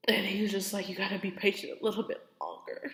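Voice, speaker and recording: A woman's voice: mid-range voice, sing-song, fast talker, fairly bright tone, echoey room, big-room sound, faint music behind. A young woman talking about her faith while teary, in a rambling, heartfelt way full of "like" and "you know". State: teary, on the verge of crying. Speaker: faith vlogger. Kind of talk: emotional personal testimony.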